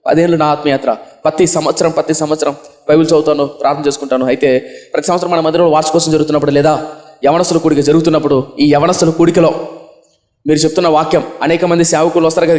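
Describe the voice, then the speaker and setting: A man voicing a remorseful young believer who confesses in a low, broken, pleading way. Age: young adult. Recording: echoey room.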